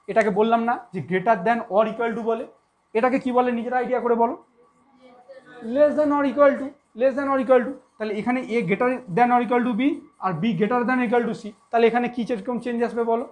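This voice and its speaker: A woman's voice: on the high side, a little mellow. A woman teaching a math lesson, who repeats her points and keeps asking if she was understood. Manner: repetitive, keeps checking understanding.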